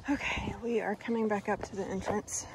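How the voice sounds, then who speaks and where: A woman's voice: medium pitch, steady tone, brisk, gravelly. A woman filming a casual hiking vlog, chatting and pointing things out on a wooded nature trail. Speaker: hiking vlogger. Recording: outdoor phone recording with noise.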